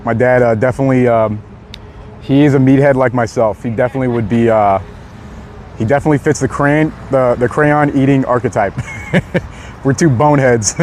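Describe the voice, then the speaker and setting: A young man chatting casually on a live stream outdoors on a city street, laid-back and quick to laugh as he reads out chat messages. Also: medium pitch, darkish tone. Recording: faint street noise outdoors.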